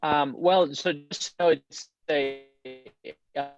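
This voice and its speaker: A man's voice: a little high, steady tone, slow. Man on a breaking-up video call. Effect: choppy, breaking-up video call connection. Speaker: city politician. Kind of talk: panel discussion on a video call. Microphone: computer microphone on a video call. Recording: dull, dry lo-fi video call audio.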